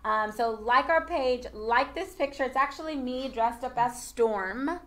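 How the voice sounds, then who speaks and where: A woman hosting a casual live-streamed studio chat, upbeat and promotional, often pausing with um. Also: high voice, a bit bright. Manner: upbeat, promotional, many ums. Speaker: host.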